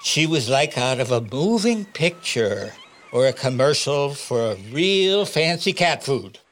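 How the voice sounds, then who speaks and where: An actor playing a gruff, salty old fisherman with a theatrical sea-dog drawl in a comedic noir audio drama. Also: medium pitch, very animated, measured pace, a bit bright. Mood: gruff, confiding. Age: older.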